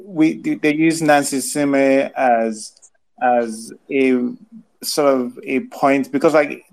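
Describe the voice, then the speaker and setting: A man's voice: mid-range voice, a little mellow, rough recording. A man co-hosting a podcast, discussing a film casually, stammering and restarting as he thinks aloud. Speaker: podcast co-host.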